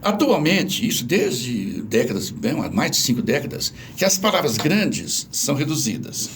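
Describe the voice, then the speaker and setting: With a mid-range voice at normal speed, a man with a Brazilian accent, a language professor, gives patient explanations in an interview. He's didactic and animated, spelling out examples, and there's slight background noise.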